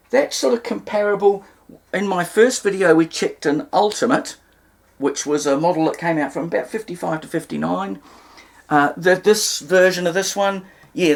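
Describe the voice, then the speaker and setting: Vocal fry colors the mid-range voice of a New Zealand speaker presenting a vintage radio repair demonstration. It's an unscripted, hands-on talk given indoors at a table, full of hesitant thinking aloud and careful explanation.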